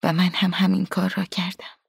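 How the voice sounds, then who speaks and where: Husky woman narrating softly. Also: on the low side, completely flat delivery, no room sound, studio quality. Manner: soft, hushed, partly whispered delivery. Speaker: audiobook narrator. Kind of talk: scripted first-person narration.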